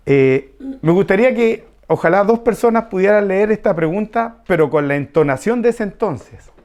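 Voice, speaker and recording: A preacher with a mid-range, slightly mellow voice delivers an expository Bible study sermon. Teaching a passage to the congregation, he repeats key phrases and poses questions to them.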